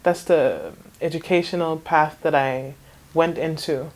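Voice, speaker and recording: A woman's voice: deep voice, measured pace, darkish tone. A young woman in her twenties from Denmark, answering interview questions casually with frequent hesitations and small laughs. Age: 20s. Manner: hesitant, many ums and restarts, laughs often. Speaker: interview guest, fashion designer.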